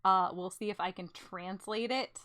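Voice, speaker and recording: A woman's voice: medium pitch, steady tone, normal speed, a bit bright. A young woman hosting a casual gaming chat, swearing, laughing and mimicking game sounds with her voice. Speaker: streamer host.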